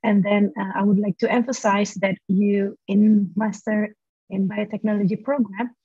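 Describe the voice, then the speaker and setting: A woman with a warm, medium-pitched, breathy-edged voice explains a study program as a university lecturer on a video call, often saying "uh." The laptop mic produces dull lo-fi audio without any room sound.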